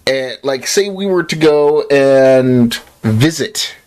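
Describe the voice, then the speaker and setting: Mid-range, smooth and a little mellow, this young American from Utah speaks slowly yet animatedly during a live stream. Worn out from a long shift, he chats with viewers as he plays, rambling, joking and self-deprecating.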